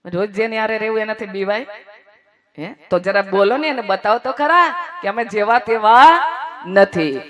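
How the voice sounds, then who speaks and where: A woman from Gujarat giving a devotional sermon to a large audience, lively, teasing the crowd and leading chants. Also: mid-range voice, moderate pace, faint music behind. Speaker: religious storyteller.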